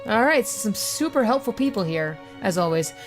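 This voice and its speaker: A woman's voice: medium pitch, very animated, normal speed, soft background music. A young woman giving chatty, sarcastic commentary while playing a video game. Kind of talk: casual let's-play commentary.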